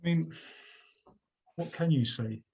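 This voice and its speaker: A man's voice: fairly high pitch, slow, gravelly, a little mellow, breathy edge, dull audio. A man from Croydon, answering as a candidate in a local debate in an earnest way. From Croydon, England. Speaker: council candidate.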